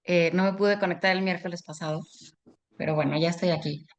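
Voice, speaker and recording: A woman, a student asking a question in an online class on a video call. She hesitates, restarts often and fills pauses. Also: fairly low pitch, steady tone, a little hiss or hum. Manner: hesitant, many restarts and fillers.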